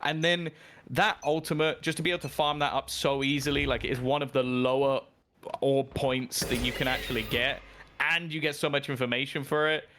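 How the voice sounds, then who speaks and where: A man's voice: mid-range voice, fairly quick, a little hiss or hum. A man casting an esports match, breaking down team picks and calling plays, voice rising during big moments. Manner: analytical, rises sharply in excitement during plays. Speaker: esports caster. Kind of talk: esports commentary.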